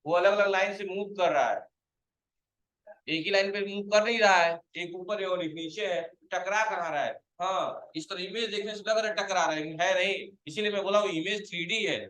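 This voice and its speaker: A man's voice: high voice, moderate pace, a bit bright, roomy sound, rough recording. A male computer teacher giving a classroom lecture, quizzing his students, calling them to stand and scolding those who have not understood.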